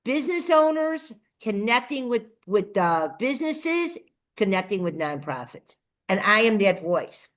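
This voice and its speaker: Speaking in a mid-range, very animated voice at a slightly slow pace, this older Chicago woman shares her story as a guest in an interview. She promotes nonprofit TV and tells it all with gushing emphasis, often repeating phrases to drive her point home.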